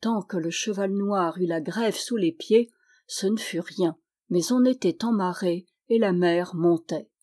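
A woman reading a historical novel aloud as an audiobook, lively, lifting her voice for the villagers' lines. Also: lowish voice, measured pace. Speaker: audiobook reader. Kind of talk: scripted narration.

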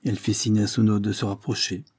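A man narrating a classic novel in a measured, even storytelling manner. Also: on the low side, slightly rough. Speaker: audiobook narrator.

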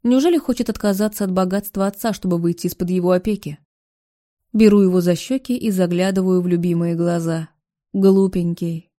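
A woman narrating a novel in the first person, steady and expressive. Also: fairly low pitch, fairly quick. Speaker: audiobook narrator.

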